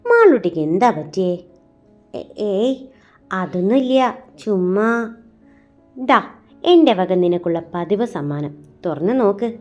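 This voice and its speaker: A woman voicing a kind young army officer who talks gently and teasingly. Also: medium pitch, sing-song, a little slow, long pauses, faint music behind.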